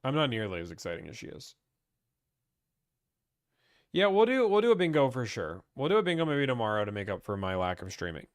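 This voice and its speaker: A man's voice: medium pitch, very animated, fairly quick, long pauses, dry recording, clean studio sound. A young man from Pittsburgh, chatting casually as he reads and answers viewer questions about car buying on a live stream.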